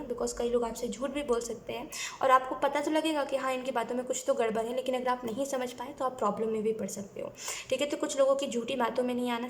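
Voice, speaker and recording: A woman's voice: a little high, roomy sound. A woman doing a weekly tarot reading, talking to viewers in a chatty, advising way and often mixing in English phrases. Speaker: tarot reader.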